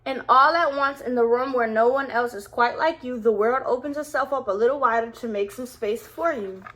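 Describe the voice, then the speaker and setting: A woman's voice: on the high side, moderate pace, a bit bright. A woman reading a picture book aloud to her toddler, with casual asides to the child as she goes.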